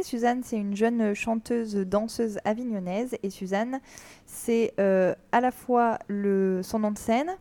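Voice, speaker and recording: A woman hosting an informal radio programme, with halting, rephrased questions. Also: medium pitch, warm tone. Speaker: radio host.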